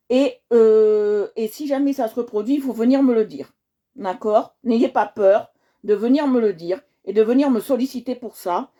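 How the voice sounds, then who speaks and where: A woman with a fairly high yet dark-toned voice hosts a coloring livestream, chatting casually with viewers and often repeating herself as she checks in with them.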